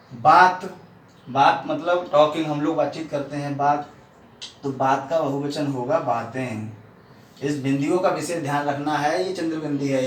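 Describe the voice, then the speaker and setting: A male teacher giving a lesson to young children, speaking slowly and deliberately and repeating each definition. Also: on the high side. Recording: echoey room, distant mic, faint hiss.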